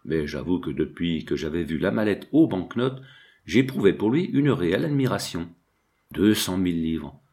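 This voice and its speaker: Male narrator, first-person novel, expressive reading, lowish voice. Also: normal speed. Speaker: audiobook narrator.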